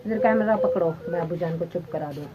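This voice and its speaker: A woman's voice: lowish voice, a little fast, muffled recording, a loud crowd. A woman vlogging at her village home, talking in a soothing, pleading way and speaking to viewers with heartfelt emotion, recorded on a handheld camera. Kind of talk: casual vlog talk to camera.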